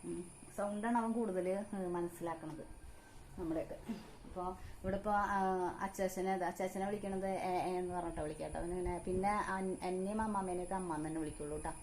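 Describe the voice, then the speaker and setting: A mother with a Kerala Malayalam accent, talking in a home vlog. She coaxes her young son in a sing-song voice and calmly explains things to the viewers. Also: lowish voice, fast talker, a little hiss or hum. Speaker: mother of the vlog's child. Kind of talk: casual home vlog talk with her child.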